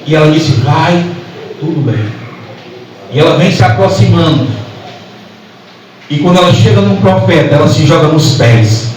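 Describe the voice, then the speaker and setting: A Brazilian man delivers a Pentecostal sermon in a church hall. His voice rings through heavy reverb and sits slightly high, picked up from some distance with a faint hiss underneath. He acts out the scripture dialogue and then rises into fervent exhortation. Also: moderate pace, long pauses, darkish tone. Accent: Brazilian Portuguese. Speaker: preacher.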